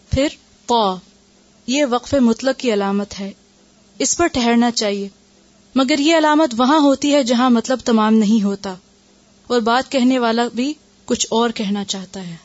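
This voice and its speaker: A woman's voice: fairly high pitch, a little mellow, dry recording, dull audio. A woman teaching a lesson, explaining step by step and answering her own questions. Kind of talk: classroom lesson.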